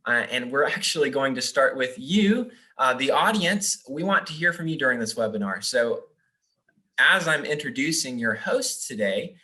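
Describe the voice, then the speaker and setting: Bright-voiced man hosting a webinar. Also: mid-range voice, lively intonation, normal speed. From Japan. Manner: friendly, with frequent fillers. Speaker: webinar host, donor relations officer.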